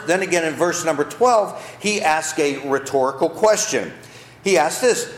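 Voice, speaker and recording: Male pastor, emphatic sermon delivery, lively animated pitch, roomy echo. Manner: emphatic preaching that repeats and rephrases its points.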